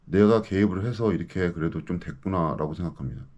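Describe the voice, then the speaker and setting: Fast and animated, a low, darkish voice belongs to a fifties-aged local news commentator giving an indignant ranting monologue. He keeps pressing his audience for answers, and the sound is lo-fi.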